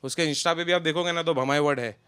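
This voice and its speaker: Smooth and fast, with a slightly high voice, a young man chats about a friend as an interview guest. He's relaxed, and his sentences run on loosely in this casual conversation. The recording is dry.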